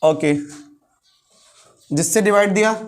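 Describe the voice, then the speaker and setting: A man's voice: high-pitched, slow pace. A man with a Hindi accent teaching a math class, who keeps quizzing his students with repeated questions. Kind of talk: classroom lecture.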